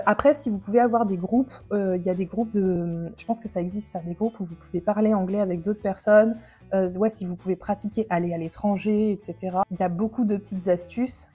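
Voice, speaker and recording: A woman's voice: medium pitch, mellow, husky. A woman vlogger answering viewer questions in a chatty, slangy way, often laughing. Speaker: lifestyle vlogger. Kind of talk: casual Q&A chat to camera.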